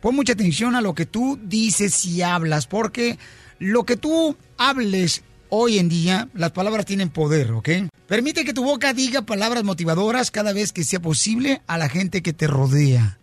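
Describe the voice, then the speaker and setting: A man hosting a comedic radio show, animated and laughing through his own jokes. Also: high-pitched, moderate pace, no room sound, soft background music.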